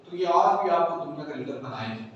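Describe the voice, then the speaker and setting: Man, religious class lecture, animated, rhetorical questions, high voice, booming hall echo. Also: a little fast, muffled recording. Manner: animated, asks the class rhetorical questions, mixes in English words. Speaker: Islamic lecturer teaching a class. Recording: echoey hall, distant mic, faint background noise.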